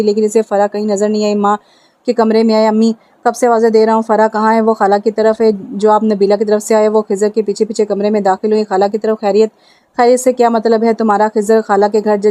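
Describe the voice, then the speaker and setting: A woman with a medium-pitched voice narrates a romantic novel, recorded with no echo. She voices every character's lines herself in an even tone, giving a dramatic audiobook reading with spoken dialogue.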